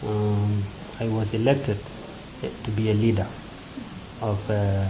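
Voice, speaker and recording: Man from South Sudan, halting first-person interpreter, echoey and noisy. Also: lowish voice, steady tone. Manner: halting, many fillers and pauses, short phrases. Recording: roomy echo with ambient noise.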